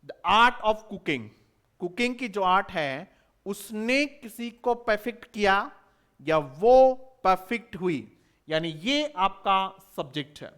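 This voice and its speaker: High-voiced man teaching English grammar. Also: animated, fairly bright tone. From India. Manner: spells words letter by letter and asks quick rhetorical questions. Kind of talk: exam-prep lecture.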